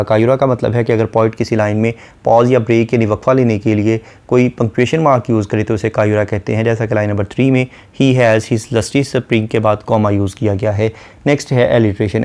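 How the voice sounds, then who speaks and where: A man lecturing on literature. He reads verse lines slowly, then explains each one in a steady, methodical way. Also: on the low side.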